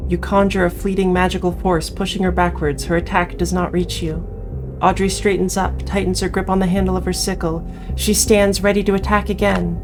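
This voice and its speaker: Her tone stays level and her pace runs a little fast as she reads a visual novel out loud, tossing in casual comments. The woman's voice is on the low side, and game music plays behind it.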